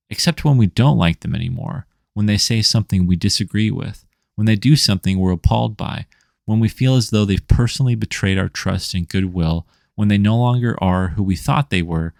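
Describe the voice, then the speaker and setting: A man reading his own scripted video essay in a measured, rhetorical way, stacking lists and questions. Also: low voice, creaky, a little mellow, dry recording, studio quality. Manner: measured, rhetorical, list-like delivery. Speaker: indie comics writer and channel host.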